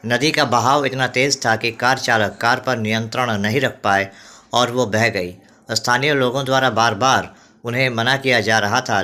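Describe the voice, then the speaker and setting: Male news voice-over, bright tone, measured formal reading. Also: mid-range voice. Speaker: news reporter. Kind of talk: scripted news narration.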